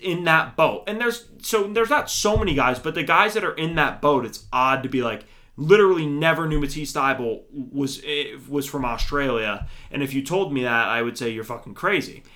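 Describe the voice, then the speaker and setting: A man's voice: fairly high pitch, normal speed, hardly any pauses, pushed and bright. A man co-hosting a casual sports podcast, rambling and swearing freely as he corrects himself mid-sentence. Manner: rambling, profane, self-correcting. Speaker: podcast co-host.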